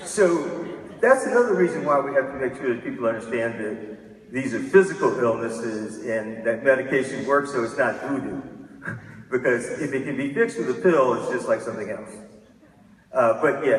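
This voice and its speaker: A man's voice: medium pitch, normal speed. A man in his fifties giving a candid, self-deprecating keynote talk, often restarting his sentences. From Texas. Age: 50s. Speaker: keynote speaker. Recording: echoey hall from a distance.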